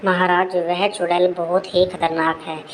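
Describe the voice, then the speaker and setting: A dutiful royal soldier in a cartoon story, voiced by a woman. The delivery is formal and deferential. The pitch is fairly low and barely moves. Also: flat delivery, measured pace, a little hiss or hum, lightly acted.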